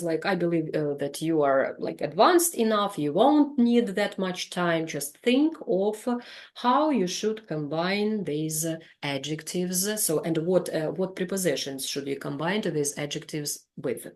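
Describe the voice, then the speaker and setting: Female teacher trainer, Ukrainian accent, lowish voice, unhurried delivery that repeats words for pronunciation. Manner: patient, repeats words slowly to model pronunciation. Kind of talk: online teacher-training lesson.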